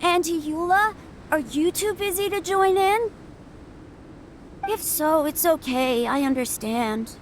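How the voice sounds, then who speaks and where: Woman doing a little boy game character, very high voice, polite, excitable, faint noise behind. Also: slow pace. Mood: shy, hopeful. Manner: childlike, earnest. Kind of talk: video game character acting.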